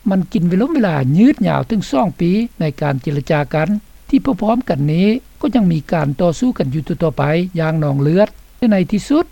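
A woman's voice: fairly low pitch, dark tone, no echo. A woman reading scripted documentary narration for a radio report. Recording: dull, slightly lo-fi, dry studio sound.

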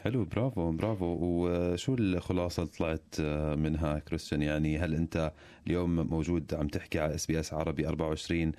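A man's voice: extremely low pitch, level tone, fast, warm tone, dry recording. A man co-hosting a radio show in a casual, bantering style. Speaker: radio co-host.

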